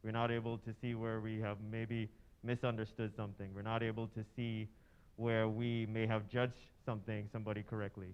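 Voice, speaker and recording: Guy at a church workshop, stops and restarts a lot, smooth voice but muffled recording. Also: on the low side. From Trinidad and Tobago. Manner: halting, many fillers and restarts. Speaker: workshop participant.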